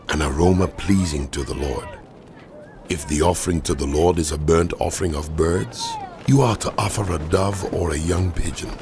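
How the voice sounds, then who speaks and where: A man voicing a solemn, commanding God in a dramatized Bible reading, speaking in measured, declarative biblical narration. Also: low-pitched, noisy background. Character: God, solemn commanding male deity giving laws. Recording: music behind the voice. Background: background music.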